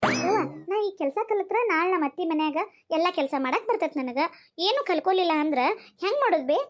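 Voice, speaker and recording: A woman's voice: very high voice, lively intonation, quick pace. A woman voicing a sulky village daughter. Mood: protesting. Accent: North Karnataka Kannada. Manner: complaining, talking back. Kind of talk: cartoon voice acting.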